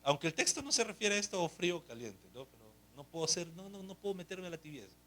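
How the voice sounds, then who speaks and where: A middle-aged man, a pastor, preaching a sermon in a lively, joking way full of rhetorical questions. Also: high voice, fast talker. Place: church hall. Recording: echoey room, mic at a distance.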